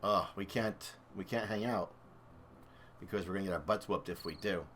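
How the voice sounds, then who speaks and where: A low-pitched man with a fairly bright tone talks at a moderate pace over slight background noise. Streaming a video game comparison, he offers casual, enthusiastic commentary and thinks aloud throughout.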